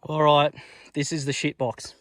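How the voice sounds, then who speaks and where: Aussie bloke, highish voice, slangy car vlog chat. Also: male voice, flat delivery, unhurried, heavy background noise. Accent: Australian. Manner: laid-back Aussie slang, sweary and blokey. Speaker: car build vlogger. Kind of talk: casual vlog chat while working on a car.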